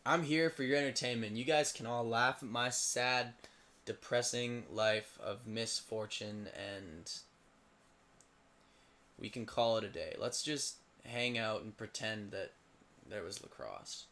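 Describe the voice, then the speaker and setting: A worn-out teen boy with a hoarse voice calls a simulated lacrosse league late at night, mumbling and wallowing in self-pity between plays. He speaks a little slowly in a mid-range voice with a sharp tone.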